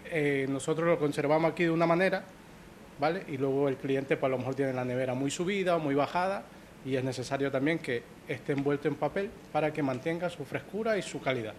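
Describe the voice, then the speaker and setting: A man's voice: a little high, quick pace, a little hiss or hum. A man from Ecuador who manages a pastry shop, answering interview questions in a hesitant way, repeating words and checking in with "¿vale?".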